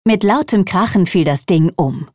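A woman's voice: medium pitch, expressive, moderate pace, darkish tone, dry recording, studio quality. Woman reading a children's story aloud. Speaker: narrator. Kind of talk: children's audiobook narration.

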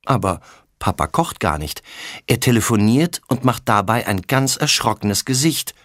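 A man narrating a children's storybook as an audiobook reader, with an expressive storytelling melody. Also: fairly low pitch, normal speed, no echo, studio quality.

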